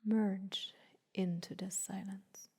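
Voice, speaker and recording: With a flat delivery at medium pitch, a woman's soft, breathy voice leads a calm, unhurried guided meditation, leaving long silences between brief instructions.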